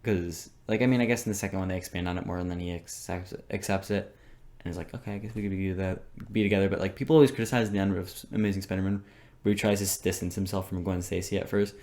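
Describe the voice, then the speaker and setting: Fast-talking low-voiced young man. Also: a little mellow. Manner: quick, joking, sarcastic. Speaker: podcast co-host. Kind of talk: casual chat.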